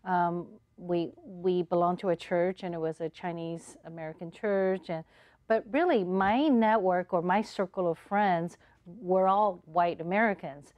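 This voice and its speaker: A woman's voice: lowish voice, measured pace, dry recording, highs cut off. A woman born in Taiwan and raised in Denver hosting a casual conversation, curious and asking follow-up questions. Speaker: host.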